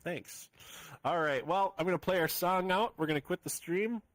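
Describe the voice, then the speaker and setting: A man's voice: sits high, normal speed, a bit bright, no echo. A man hosting a live improv comedy stream, reading out audience suggestions with hesitant fillers and easy laughter. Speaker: improv show host.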